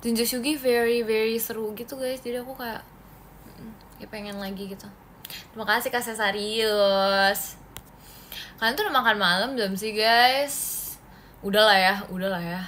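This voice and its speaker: Young woman, giggly, chatty, bright voice, slightly high, faint hiss behind, phone livestream. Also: steady tone, normal speed. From Indonesia. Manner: giggly, chatty, answers comments. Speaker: idol livestream host. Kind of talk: casual chat with viewers.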